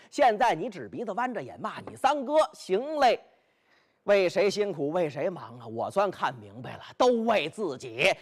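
A male storyteller voicing a blunt, hot-tempered middle-aged sworn brother who bellows and stammers with rage. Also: a little high.

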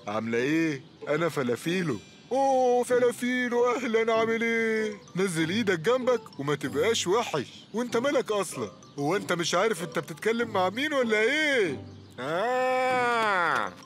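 A goofy, clingy cartoon friend who whines and panics at every turn, speaking in an Egyptian Arabic accent. The voice sits high and races along, with soft music running behind it. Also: male voice, fast. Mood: silly. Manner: whiny, dramatic, excitable. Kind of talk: cartoon dub acting.

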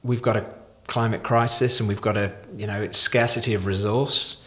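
A man's voice: on the low side, steady tone, moderate pace, a bit bright. A man in his thirties hosting a podcast in thoughtful conversation at a desk microphone. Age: 30s. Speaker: podcast host. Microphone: podcast microphone on desk stand.

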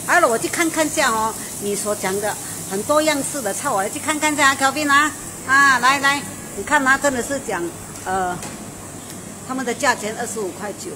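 Filmed on a handheld phone camera inside a loud restaurant, a bubbly Malaysian woman of middle age chats her way through a casual food-show review. Her voice sits fairly high, and her enthusiastic talk is thick with fillers and exclamations.

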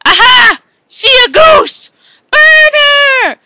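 A woman voicing an excitable, melodramatic young girl detective in a cartoon comedy skit, with theatrical shouted exclamations. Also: very high voice, takes it slowly, heavy background noise, exaggerated voice. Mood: accusing. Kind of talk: animated comedy skit dialogue.

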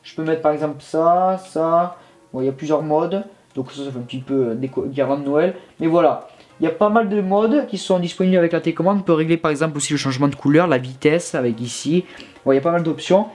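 A man's voice: on the high side, fast, a little mellow. A young man giving a casual product review from his bedroom, chatty and informal with many fillers and restarts. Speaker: tech reviewer.

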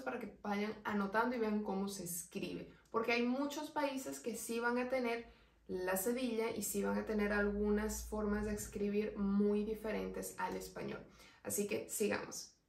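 A woman's voice: medium pitch, vocal fry, recorded from a distance. Patient woman teacher in an echoey room. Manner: patient, explanatory, slows down to spell out example words. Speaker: language teacher. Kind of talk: online language lesson. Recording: roomy echo, voice away from the mic.

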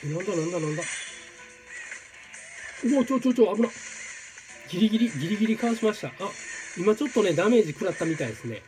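A man commentating his own gameplay, exclaiming and repeating words in quick bursts. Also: high voice, animated, a little mellow, faint music behind. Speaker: game streamer. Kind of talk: excited let's-play commentary.

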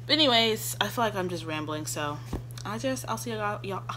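A woman's voice: mid-range voice, expressive, brisk, very noisy. Chatty young woman vlogging casually. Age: young adult. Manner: rambling, chatty, laughs easily. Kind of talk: casual chat.

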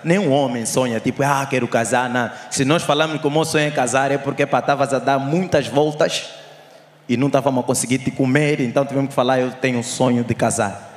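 A young man with an Angolan Portuguese accent doing live stand-up, teasing the crowd loudly and shouting his punchlines. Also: medium pitch, fairly quick. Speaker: stand-up comedian. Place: live comedy show on stage. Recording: echoey hall with crowd.

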